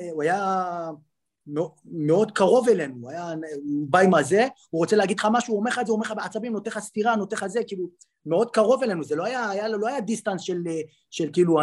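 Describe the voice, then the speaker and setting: A man talking as a podcast guest and former footballer. He tells a lively anecdote with many fillers and restarts. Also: high voice, breathy edge. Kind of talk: animated anecdote telling in conversation.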